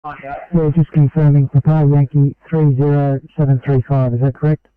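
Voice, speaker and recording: A man working as radio dispatcher, crisply reading back messages, heard over a walkie-talkie. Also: a little high, flat delivery, moderate pace, no echo. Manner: crisp read-backs of messages. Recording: narrow phone-like radio sound.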